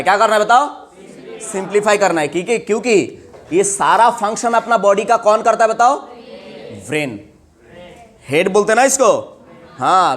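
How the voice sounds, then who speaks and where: A man's voice: sits high, a bit bright. A male biology teacher lecturing to students. He asks question after question, repeats the answers for them, and mixes English terms into his Hindi. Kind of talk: classroom lecture.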